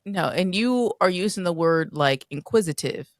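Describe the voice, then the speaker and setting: Here the same kind of speaker, a twenties-aged teacher and podcast co-host, trades teasing jokes and quick laughs with her husband in relaxed conversation. She sounds animated and fairly low-pitched, recorded with studio clarity and no room sound.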